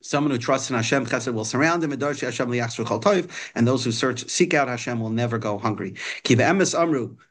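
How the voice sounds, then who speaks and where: A male religious teacher speaks at a middling pitch. He alternates between reading from a text and explaining it informally. He often pauses, restarts and repeats himself as he works out a point. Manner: hesitant, repeats and restarts phrases while explaining.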